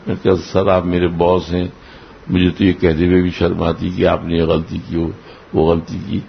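A man with a deep, gravelly voice tells a personal story to a gathering in a slow, halting way. He restarts phrases and chuckles now and then. The recording is dull and lo-fi, with a faint hiss. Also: monotone. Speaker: storyteller recounting memories of his spiritual master.

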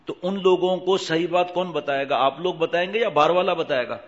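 A man with a voice on the high side preaches in an echoing hall, the recording dull and reverberant. An Islamic preacher, he tells anecdotes conversationally, quizzes the audience, and acts out the voices in his stories.

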